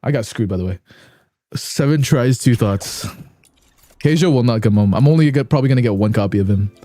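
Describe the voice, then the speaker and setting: In a warm, mid-range voice that's animated and a little fast, a man streams a game and chats casually, with no room sound. He jokes, rambles, and boasts about his skill at doing accents.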